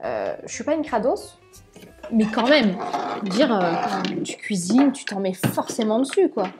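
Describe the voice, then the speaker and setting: Talking over music at a measured pace, a young woman with a mid-range, very animated voice narrates her cooking in a home kitchen vlog. She's chatty and leans heavily on fillers while walking through every step.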